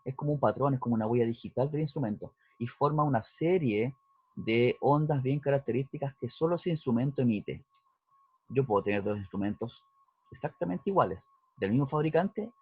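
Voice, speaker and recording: Male physics teacher, slightly husky voice, tinny phone-like sound, walks through a lesson and keeps checking in with students. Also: mid-range voice, dry recording. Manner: explanatory, checks in with "¿cierto?" and "¿ya?". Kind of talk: recorded lesson walkthrough. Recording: dry, husky, phone-like narrowband audio.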